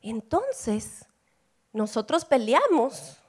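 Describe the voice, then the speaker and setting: A middle-aged woman with a Central American Spanish accent, preaching a lively sermon and acting out family dialogue. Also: fairly high pitch, drawn-out words, husky. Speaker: preacher at a women's gathering.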